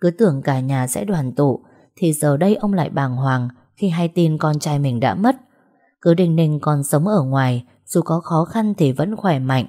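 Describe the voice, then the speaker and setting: Low husky woman narrating a story. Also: animated, measured pace, warm tone.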